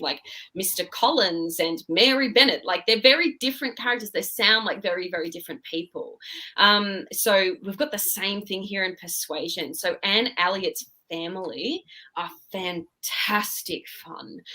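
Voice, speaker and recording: A woman talking casually and informally as a director in an interview about productions, animated and thinking aloud as she goes. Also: on the low side. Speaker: director of theatre podcast productions.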